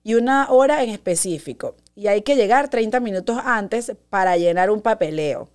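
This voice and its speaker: A young adult woman, hosting a podcast as a chatty, animated storyteller. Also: medium pitch, normal speed. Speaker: podcast host. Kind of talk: casual monologue.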